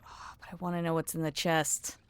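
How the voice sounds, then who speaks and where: A woman's voice: low voice, level tone, a little fast, slight background noise. A woman in her thirties giving casual, playful commentary as she plays a game, with jokey asides. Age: 30s.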